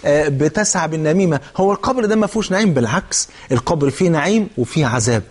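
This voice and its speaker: A man's voice: fairly high pitch, expressive, very fast, a little mellow, slightly rough. A man preaching a colloquial religious sermon in an Egyptian Arabic accent, fervent and asking his listeners rhetorical questions.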